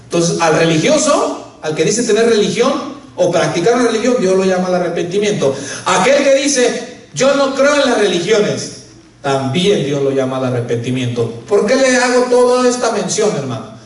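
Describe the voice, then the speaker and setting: A man's voice: sits high, big pitch swings, normal speed. A man preaching a sermon as a pastor, who keeps addressing the congregation as brother. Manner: preaching, keeps calling listeners "hermano". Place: church. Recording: echoey church hall, voice from far off.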